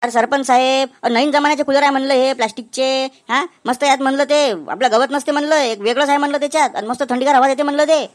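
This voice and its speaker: Woman doing a pushy uncle selling coolers, Vidarbha Marathi accent, high, fast, brash cartoon patter. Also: close to an everyday voice. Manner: loud, brash sales patter. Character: pushy village cooler seller uncle, male. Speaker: voice actor. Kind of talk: cartoon comedy voice acting.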